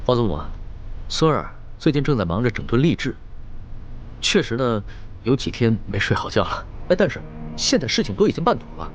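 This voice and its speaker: An actor playing a young emperor and deferential grandson in a Chinese costume drama, speaking formally, politely and with care. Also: male voice, mid-range voice, very animated, fairly quick, highs cut off, slight background noise, close to an everyday voice. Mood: courteous. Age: young adult. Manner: formal, polite, careful phrasing.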